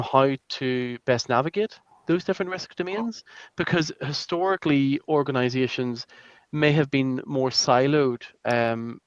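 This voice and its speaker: A man on a webinar panel speaking fluently and in a measured way as a consultancy director. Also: medium pitch, no room sound, highs cut off. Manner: fluent, measured, uses "look" as a filler.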